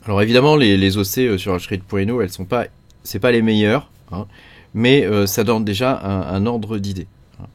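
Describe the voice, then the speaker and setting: A Frenchman running a crypto mining channel explains things in a loose, rambling way, full of fillers like euh, hein, and quoi. His voice sits on the low side with fairly even intonation and a slightly fast pace.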